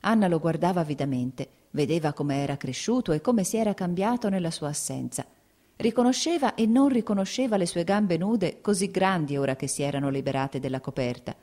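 A woman narrates a novel in measured, expressive storytelling. Her voice sits low and sounds dark and mellow. It is a steady audiobook reading.

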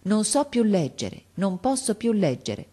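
A woman's voice: mid-range voice, sing-song, measured pace, mellow, slightly rough, pitched above the performer's own voice. A woman voicing a dying old statesman who speaks imperiously through his fever. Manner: imperious, strained.

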